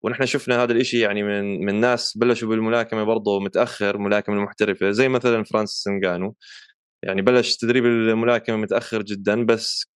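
A man's voice: lowish voice, level tone, rapid-fire, smooth, dry recording, clean studio sound. A man with a Levantine Arabic accent explaining things casually as a podcast co-host, dropping in English terms as he talks.

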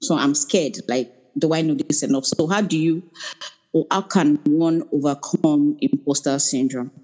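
A woman's voice: low voice, normal speed, warm tone, rough recording. A Nigerian woman, a newcomer, politely asking a hesitant question in a live audio chat. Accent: Nigerian English. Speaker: caller, newcomer to the field.

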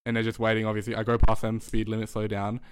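Late-teen male podcast host, lisp, lower register, dry close mic, rambling and sweary. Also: completely flat delivery, fast, a little mellow, clean tone, no echo. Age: late teens. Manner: rambling, swears freely, lots of ums and laughs. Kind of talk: casual podcast chat.

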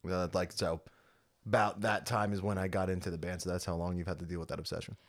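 A man's voice: low voice, little pitch movement, fast talker, dry recording, clean studio sound. A man co-hosting a casual podcast, laid-back and joking. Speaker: podcast co-host. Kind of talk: casual chat.

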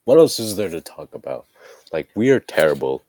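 Young male co-host, extremely deep voice, dry sound, deadpan teasing. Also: brisk, no echo. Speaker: podcast co-host. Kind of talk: casual podcast chat.

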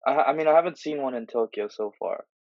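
A man's voice: mid-range voice, quick pace, creaky, no echo, muffled recording. A man hosting a casual podcast chat, asking questions with many fillers and restarts. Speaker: podcast host. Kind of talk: casual conversational interview.

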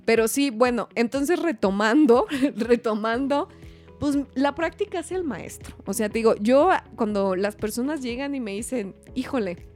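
A woman from Chihuahua, hosting a podcast in lively, slangy casual chat with faint music behind. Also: mid-range voice. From Chihuahua, Mexico. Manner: chatty, animated, laughs often, slangy. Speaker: podcast host.

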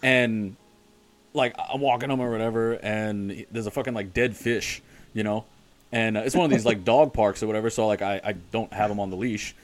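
A man's voice: fairly low pitch, steady tone, fairly quick. A man co-hosting a casual podcast, rambling and swearing freely as he tells stories and laughs often. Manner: rambling, profane, laughs a lot. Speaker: podcast co-host.

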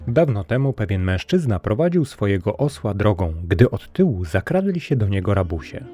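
A man tells an old fairy tale for his podcast in a calm, measured way. His voice sits low and warm. Soft music plays quietly behind him. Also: no echo. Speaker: podcast storyteller. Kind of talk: scripted fairy-tale narration.

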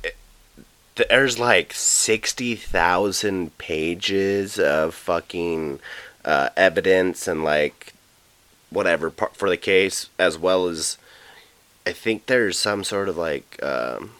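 Male podcast co-host, deep and dry, casual cursing, lots of um and like. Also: fairly bright tone, dry recording. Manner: loose, profane, halting with many fillers. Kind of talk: casual true crime chat.

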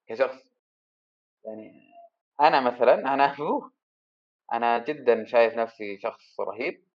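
A man's voice: medium pitch, dull audio. A man hosting a solo podcast, rambling and self-deprecating as he thinks aloud. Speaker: podcast host. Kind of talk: casual solo podcast monologue.

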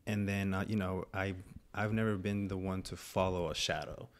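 A young man from Venezuela, a photographer, talking as a podcast guest in a relaxed, rambling way with many fillers. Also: sits low, moderate pace. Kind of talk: casual podcast chat.

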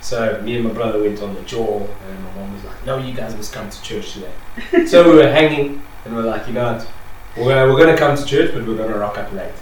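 Young south african guy telling stories w his mates, slangy n animated, super echoey, bit of noise. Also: on the low side, fairly quick. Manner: animated, slangy, quotes people as he tells stories. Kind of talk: casual banter and storytelling. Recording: echoey room, distant mic, faint noise.

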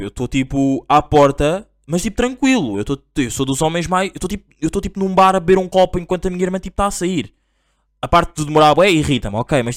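A man's voice: no echo, clean studio sound. A young man with a European Portuguese accent, telling a rambling, slangy comic story as a podcast host. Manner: slangy, rambling, animated, mimics shouting parents in a high voice. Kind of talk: casual comedic monologue.

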